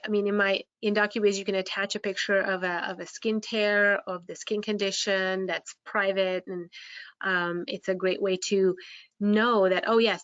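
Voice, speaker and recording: A woman's voice: mid-range voice, fairly bright tone, no echo. Woman, video call audio, slightly muffled, dry close sound, hesitant restarts. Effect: video call audio with a shaky internet connection. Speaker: care home operator and software founder. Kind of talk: panel webinar answers.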